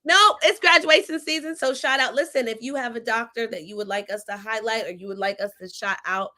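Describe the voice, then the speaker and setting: Lively woman podcast co-host. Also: fairly high pitch, a little fast. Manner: lively, emphatic, playful. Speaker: podcast co-host, recent doctorate. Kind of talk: casual podcast chat.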